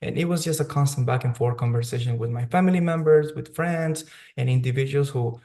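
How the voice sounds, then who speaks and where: Joining a news briefing remotely, a student leader raised in Mexico shares his personal story with earnest conviction. He is a young man with a warm, mid-range voice that moves a little fast, with some restarts along the way.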